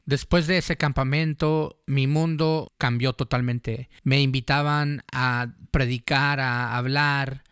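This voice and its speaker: A man's voice: medium pitch, smooth, no room sound, clean studio sound. A man preaching, telling his own testimony and then making an earnest, urgent altar call to the listener.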